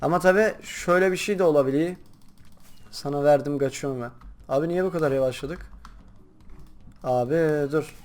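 A young man chatting casually while playing a game, rambling to his viewers and breaking into loud excited shouts. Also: fairly high pitch, brisk, long pauses. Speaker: gaming YouTuber. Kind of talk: casual gameplay commentary.

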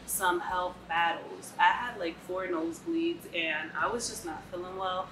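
A woman's voice: on the low side, unhurried, roomy sound, background noise. Chatty young woman with a stuffy cold. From Dominican Republic. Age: 20s. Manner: chatty, slangy, addresses viewers directly. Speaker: vlogger. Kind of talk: casual chat to camera. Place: bright living room, indoors.

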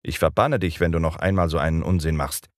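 A man's voice: extremely low pitch, fairly even intonation, quick pace, no room sound, studio quality. A man voicing Peter, a cocky, bossy boy, in a raised boyish voice in an audiobook. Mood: scolding.

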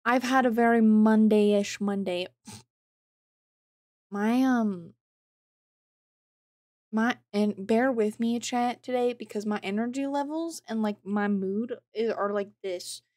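Woman streamer chatting loosely with viewers; slightly high, giggly, very dry close-miked sound. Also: takes it slowly, pauses often, a little mellow, no room sound. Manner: rambling and chatty, with lots of filler words; laughs often between phrases. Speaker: game streamer. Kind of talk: casual chat with stream viewers.

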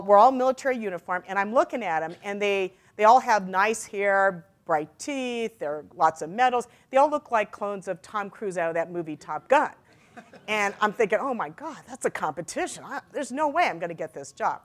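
Middle-aged woman on a conference stage, animated storyteller, does little voices for people. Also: medium pitch. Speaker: keynote speaker. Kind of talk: storytelling keynote talk.

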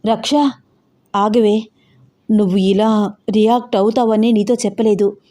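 Woman doing calm young friend, casual, soothing, warm mellow voice. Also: mid-range voice, a little slow, lightly acted.

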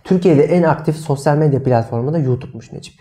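Mellow-voiced man chatting on a podcast. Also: on the high side, quick pace. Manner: animated, emphatic, addresses co-host by name. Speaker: podcast co-host. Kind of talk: casual podcast chat.

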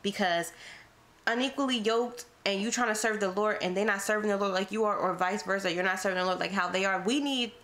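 A woman's voice: medium pitch, brisk, a bit bright. A woman in her twenties talking to the camera in a small room, earnest and chatty, often restarting her sentences. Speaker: vlogger. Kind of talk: casual talk to camera. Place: small plain room indoors. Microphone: camera close in front.

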